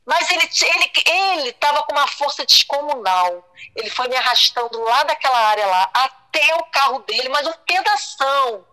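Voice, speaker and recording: A woman's voice: sits high, animated, moderate pace, sharp tone, low-quality recording. A middle-aged woman from Brazil telling a distressing personal story, with many restarts and repeated words. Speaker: guest telling her story.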